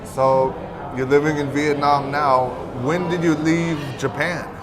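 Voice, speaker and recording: A man hosting a casual interview, asking questions and reacting with upbeat quick remarks. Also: fairly high pitch, flat delivery, over music. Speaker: host and interviewer. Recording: clear background noise.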